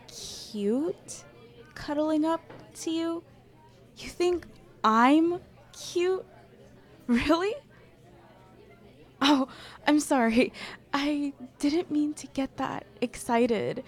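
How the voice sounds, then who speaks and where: A young woman voicing a jealous girl who confesses her feelings to a friend, speaking softly and intimately to the listener. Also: high-pitched, vocal fry, exaggerated voice. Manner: soft, intimate, addressing the listener directly. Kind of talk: audio roleplay to a listener.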